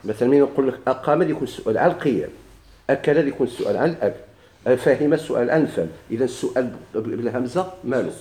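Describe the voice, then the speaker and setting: A man with a Moroccan Arabic accent teaches a grammar class quickly, firing questions at his students and answering them himself. His medium-pitched voice is mellow, a little dark and lively in intonation, echoing in the room.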